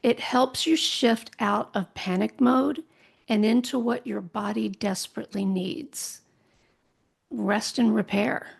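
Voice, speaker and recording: Soft-spoken woman podcast host, gravelly. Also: a little high, takes it slowly. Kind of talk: scripted podcast monologue.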